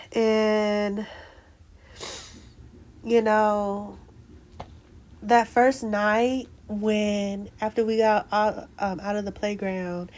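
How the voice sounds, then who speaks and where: A woman vlogger telling a personal story in a chatty way, acting out what people said. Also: medium pitch. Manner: animated, acts out quoted dialogue; chatty with frequent fillers and restarts.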